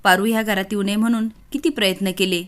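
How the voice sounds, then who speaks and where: A woman's voice: mid-range voice, fairly even intonation, quick pace, close to an everyday voice. A woman narrator voicing a scheming, jealous middle-aged aunt who speaks sharply.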